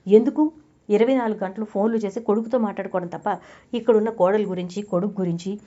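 A woman's voice: medium pitch, fairly even intonation, quick pace, mellow, lightly acted. A woman voicing a scheming young granddaughter who answers evasively and defensively, over a dull lo-fi recording.

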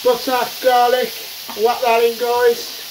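Very high-pitched and monotone, a man takes it slowly as he chats to viewers of his casual home cooking show from the stove. He keeps saying "guys" and speaks in a working class way. The kitchen is noisy with sizzling and frying.

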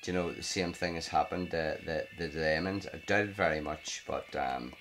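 A man's voice: extremely low pitch, moderate pace, a bit bright, faint music behind. A man with a Northern Irish accent giving live commentary on a mobile game, exasperated, muttering and swearing at the screen. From Northern Ireland. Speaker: gaming vlogger. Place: home at night.

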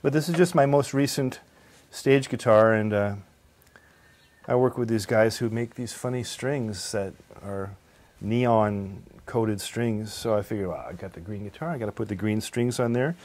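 A man from California with a fairly low voice talks in a relaxed, casual way as a guest guitarist. He tells stories with frequent laughs and acts out the things people said to him. He is being interviewed at his home by the pool. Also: moderate pace. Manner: chatty storyteller, laughs often, acts out quotes.

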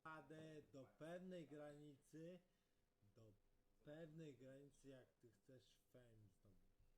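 A man arguing on a livestream, threatening and swearing in a halting way. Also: a little high. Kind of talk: confrontational livestream argument.

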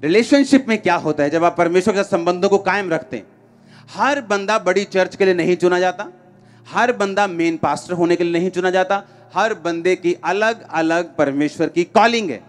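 A man's voice: sits high, normal speed, faint music behind. A man, preaching emphatically and firing rhetorical questions at a crowd in a large outdoor tent. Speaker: pastor. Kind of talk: sermon. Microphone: handheld microphone.

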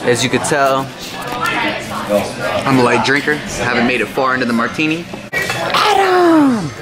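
A man's voice: medium pitch, steady tone, a little fast, over a noisy crowd. A young man chatting casually to camera, joking and laughing often. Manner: laid-back, jokey, laughs often. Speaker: vlogger. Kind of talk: casual vlog chat.

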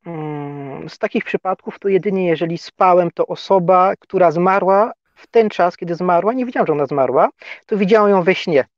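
A man from Poland with a high, gravelly voice talks casually as a guest, stumbling and repeating words now and then. The sound is dull and muffled, with no room echo at all. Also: moderate pace. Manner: hesitant, repeats words, chuckles often. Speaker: interview guest. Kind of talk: casual conversation.

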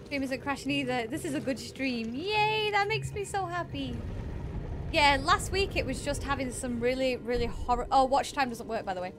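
High-voiced woman streamer, chatty. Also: a little fast, hardly any pauses, background noise. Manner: chatty, thanks viewers, shrieks when scared. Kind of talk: live gameplay chat.

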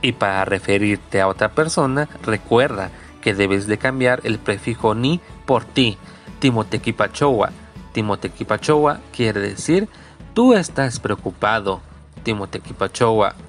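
A man's voice: on the low side, lively intonation, unhurried, soft background music. A man teaching a recorded language lesson, speaking patiently and repeating each word three times for the learner.

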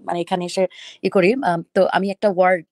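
A woman on a panel talks quickly and chattily, slipping English phrases into her sentences. Her voice sits at an average pitch and has a dry sound with no room echo. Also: flat delivery. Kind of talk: casual live discussion.

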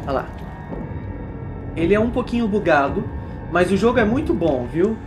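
A Brazilian man streaming live gameplay commentary, excitable and given to repeating himself, switching between yelling at the game and quiet apologies to his chat. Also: high voice, moderate pace. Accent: Brazilian Portuguese. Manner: repeats phrases over and over. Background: music.

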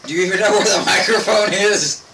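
A man's voice: high voice, fairly quick. A young man teasing his friend as he watches him play, joking and laughing in casual chat. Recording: distant from the mic with faint noise.

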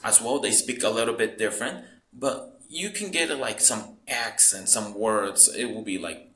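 Mexican guy w/ spanish accent, bright low-ish voice, halting english, echoey room. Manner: halting non-native English, frequent "like". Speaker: local tour guide. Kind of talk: casual interview answers.

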